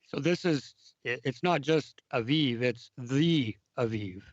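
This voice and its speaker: A hoarse podcast host who has lost his voice casually discusses the history of the biblical calendar, often repeating words and restarting. His voice is medium-pitched, and the audio is dry, dull and lo-fi with no room sound.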